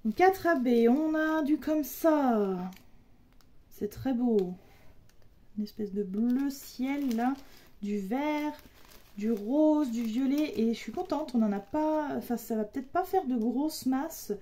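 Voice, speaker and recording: A woman's voice: sits high, lively intonation, slow, dark tone. A young woman chatting casually through an unboxing, playful and talkative, laughing often and joking around as she goes. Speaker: diamond painting vlogger.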